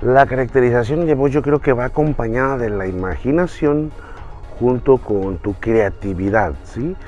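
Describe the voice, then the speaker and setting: A man casually teaching voice acting online, animated and speaking straight to the viewer. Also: normal speed. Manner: animated, talks straight to the viewer, jumps between pitches. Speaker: voice-acting teacher, channel host. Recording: dull lo-fi sound with faint music.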